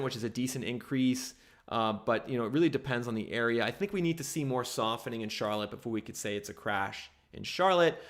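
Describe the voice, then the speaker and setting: A young man hosting a live stream, walking through housing data dashboards and answering viewer requests in a casual, animated way. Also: medium pitch. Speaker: housing market analyst hosting a livestream.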